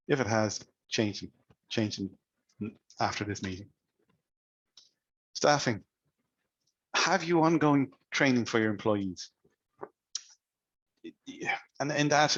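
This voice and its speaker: A man's voice: on the low side, dry recording, muffled recording. Irish man presenting a webinar. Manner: asks the audience rapid questions with frequent restarts. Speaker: cybersecurity presenter.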